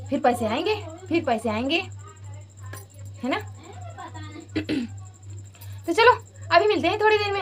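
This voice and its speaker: Chatty woman vlogging from home. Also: on the high side. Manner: chatty, repeats words, laughs often. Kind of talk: casual home vlog chat.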